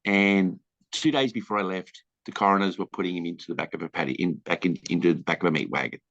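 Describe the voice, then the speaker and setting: A man's voice: low voice, fast talker, creaky, fairly bright tone, dry recording. An Australian man, a film director, answering interview questions in a candid, rambling way and acting out the people in his stories. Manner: candid, rambling storyteller who acts out quoted people. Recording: dull lo-fi dry recording.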